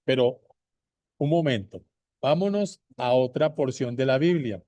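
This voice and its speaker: Slow, deliberate Bible-teaching man. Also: mid-range voice, dark tone, no room sound. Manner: repeats points slowly, addresses viewers directly.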